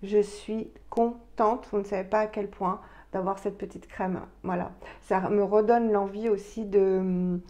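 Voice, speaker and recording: A woman's voice: mid-range voice, fairly even intonation, a little slow, warm tone. A woman in her fifties chatting through a skincare review with many fillers and restarts. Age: 50s. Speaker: beauty vlogger. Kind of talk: casual product review.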